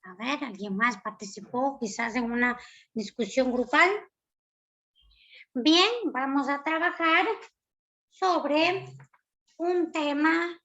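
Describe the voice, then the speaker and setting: Woman teacher, high bright voice, calling on pupils to read, muffled lo-fi sound. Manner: gives polite instructions, praises students. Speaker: literature teacher. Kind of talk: classroom teaching.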